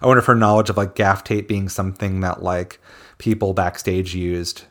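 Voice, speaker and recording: Animated low-voiced man musing. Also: normal speed. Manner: animated, jokey theorizing. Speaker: musician guest. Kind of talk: casual chat.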